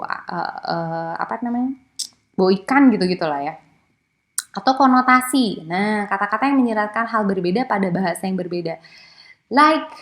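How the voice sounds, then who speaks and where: Woman, casual lecturer, loose and chatty, mixes in English words, acts out quotes in a higher voice. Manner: casual, with frequent fillers and English terms; acts out quoted speech in a raised voice. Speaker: psychology lecturer. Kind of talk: online lecture.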